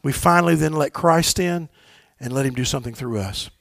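A man preaching a sermon as pastor in a church, swinging from shouted exhortations to low, quiet asides and leading call-and-response with his congregation. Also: brisk, creaky, no echo, clean studio sound. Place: church sanctuary.

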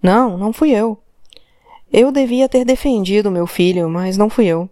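An old Portuguese father weighed down by guilt, read by a woman in her ordinary voice. He answers in short, subdued words, his voice close and dry with no room around it. He sits at a middling pitch with no show of his age. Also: moderate pace, warm tone, no room sound, close to an everyday voice. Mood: pleading. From Trás-os-Montes, Portugal. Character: older Portuguese man, a tearful father under guilt.

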